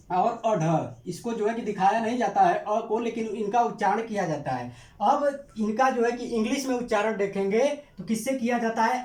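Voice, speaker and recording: A man's voice: sits high, darkish tone, roomy sound. A man teaching a grammar lesson, asking questions and answering them himself, stretching out key terms as he repeats them. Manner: drawn-out emphatic repetition of terms.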